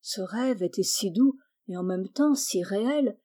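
A woman reading a classic children's novel aloud, narrating calmly and lifting her voice for the children's lines. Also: medium pitch, unhurried. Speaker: audiobook reader. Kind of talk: storybook narration.

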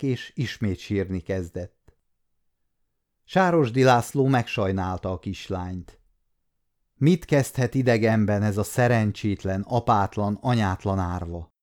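A man in his fifties reading a novel aloud as an audiobook narrator, calm and measured. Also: fairly low pitch. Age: 50s. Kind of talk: scripted narration.

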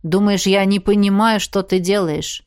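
A woman voicing a jealous, possessive young male shapeshifter student who speaks gruffly and bluntly. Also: medium pitch, animated, slow pace.

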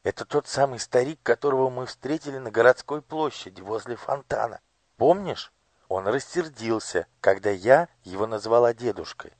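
A man's voice: medium pitch, animated, moderate pace, dry recording, pitched above the performer's own voice, lightly acted. Man doing timid girl Olya in a raised voice. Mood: anxious. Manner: timid, hushed, anxious. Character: frightened young girl disguised as a palace page.

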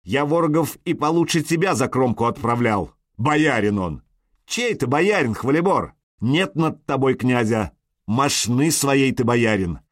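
Brash young warrior, taunting and fierce, lively pitch, dry close sound; a man doing the voice. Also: a little slow, no echo. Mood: defiant. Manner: fierce, taunting, shouts insults. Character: hot-tempered young male warrior, brash and mocking. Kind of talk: audiobook character voice.

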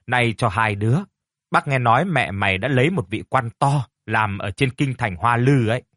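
A man voicing a kindly old village chief in a storybook reading, talking in a gruff, paternal way. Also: medium pitch, animated, normal speed, fairly bright tone, no echo, studio quality. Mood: fatherly.

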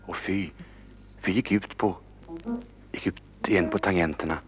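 A man reading a children's story aloud, lively and expressive, sometimes dropping to a whisper. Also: low-pitched, a little hiss or hum. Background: instrumental music.

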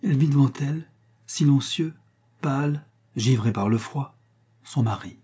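A man reading a literary tale aloud in a measured, expressive storytelling manner. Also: medium pitch, slightly rough. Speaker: reader. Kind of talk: scripted narration of a literary tale.

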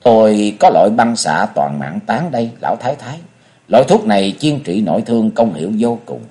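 A man's voice: lowish voice, lively intonation, fairly quick, mellow, lightly acted. A man reading a resolute young heroine. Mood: firm. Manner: firm, earnest. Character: resolute young woman healer.

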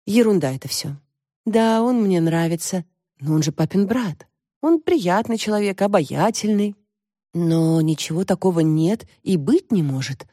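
A woman voicing a weary, gentle mother who speaks in a calm, measured, tired way in an audiobook. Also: on the low side, dry recording, studio quality. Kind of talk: audiobook character voice.

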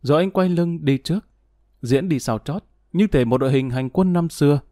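A man narrating an audiobook in a steady, measured way. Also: a little high, no room sound, clean studio sound.

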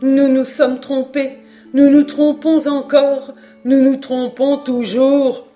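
A woman reading aloud, voicing an excitable, absent-minded male geographer in a high, eager, exclaiming voice. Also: moderate pace, faint music behind. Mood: agitated.

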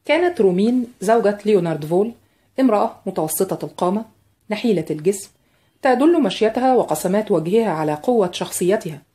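A woman narrating an audiobook novel. Her storytelling is steady and unhurried. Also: mid-range voice. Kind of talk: scripted narration.

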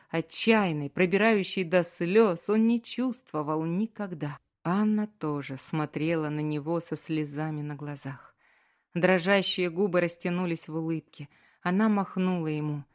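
A woman narrating a dramatic audiobook in an expressive storytelling manner. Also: deep voice. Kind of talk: scripted narration.

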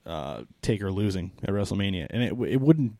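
Low, mellow-voiced man chatting wrestling. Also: sing-song, a little fast, no echo. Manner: rambling, hesitant, many restarts. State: losing his voice. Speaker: podcast co-host. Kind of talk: casual wrestling chat.

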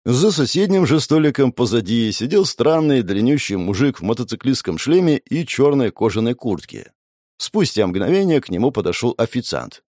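A male narrator reading a first-person story aloud with an expressive, animated voice that rises and falls a lot. The recording is dry and close with no room sound. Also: mid-range voice, moderate pace, dry recording. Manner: expressive, lively.

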